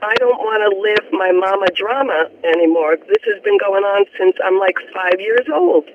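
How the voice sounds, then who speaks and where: Her voice medium-pitched and animated at a normal speed, a caller from Florida tells a radio show about her personal and family troubles. She talks earnestly and rambles on at length. It comes through a tinny telephone line with a slight hiss.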